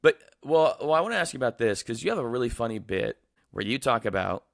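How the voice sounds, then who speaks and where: A man's voice: mid-range voice, sing-song, quick pace, vocal fry, dry recording, studio quality. A man hosting a comedy podcast from his Brooklyn apartment, joking and rambling in self-mocking riffs. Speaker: podcast host. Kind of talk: casual comedic podcast chat.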